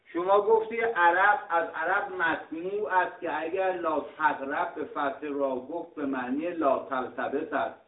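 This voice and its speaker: A middle-aged man from Iran teaching a scripture lesson, arguing points and explaining word meanings, often clearing his throat. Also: a little high. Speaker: religious teacher. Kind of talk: lecture on scripture. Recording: tinny, roomy, distant mic.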